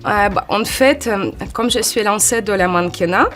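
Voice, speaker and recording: A woman in her forties of Ukrainian origin answers interview questions as a model and guest, relaxed but hesitant, with many "euh" fillers. Her medium-pitched voice moves at normal speed and livens up when she acts out quotes, over soft background music.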